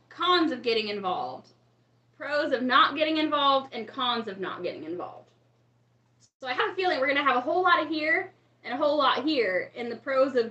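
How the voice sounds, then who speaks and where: A woman's voice: a little high, sharp tone, highs cut off. A woman co-hosting a casual live stream, chatting and greeting viewers from the chat. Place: room in a home. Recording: roomy echo.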